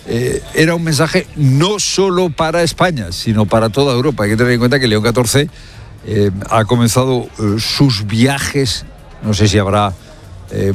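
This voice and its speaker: Emphatic male news commentator. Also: medium pitch. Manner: emphatic, rhetorical questions, hesitant fillers. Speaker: radio commentator.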